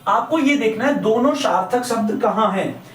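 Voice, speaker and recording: A man's voice: high voice, normal speed. A man teaching a Hindi grammar lesson. He repeats his points and asks the class questions, then answers them himself. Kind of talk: classroom lecture. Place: classroom or coaching room. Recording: echoey room, mic at a distance.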